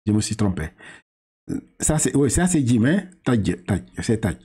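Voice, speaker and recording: A man's voice: mid-range voice, big pitch swings, warm tone, slightly rough. A Senegalese man with a Senegalese French accent, patiently teaching a Quran reading lesson and drawing out syllables, repeating and correcting as he goes. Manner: patient, slow drawn-out syllables, repeats and corrects, halting restarts.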